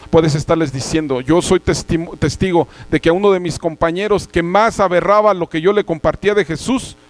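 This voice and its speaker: A young man preaching earnestly, telling a personal testimony and clearing his throat at times. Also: a little high, low-quality recording. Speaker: church brother giving a sermon.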